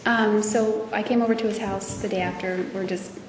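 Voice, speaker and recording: A woman testifying as a witness, speaking hesitantly with many pauses and fillers, in a courtroom recording. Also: mid-range voice, fairly even intonation. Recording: echoey courtroom audio from far off with noise.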